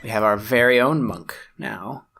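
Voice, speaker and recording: Guy chatting through a strategy game playthrough, gravelly voice, talking to himself, self-mocking. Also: mid-range voice, normal speed, sharp tone. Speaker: gaming YouTuber. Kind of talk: casual let's-play commentary.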